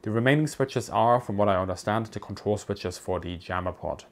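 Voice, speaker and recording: A man with a fairly low voice narrates in a measured, explanatory way. His delivery is scripted and steady, like a guided documentary walkthrough recorded as a voice-over. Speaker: presenter. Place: voice-over, not recorded in the pictured cockpit.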